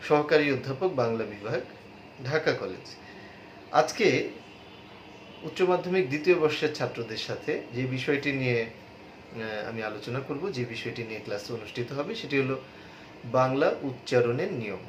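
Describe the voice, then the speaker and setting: A middle-aged male college teacher giving a class lecture, explaining earnestly to his students with frequent filler pauses. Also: medium pitch, a little hiss or hum. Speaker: assistant professor of Bengali, teacher. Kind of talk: recorded online class lecture. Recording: echoey room, dull lo-fi audio.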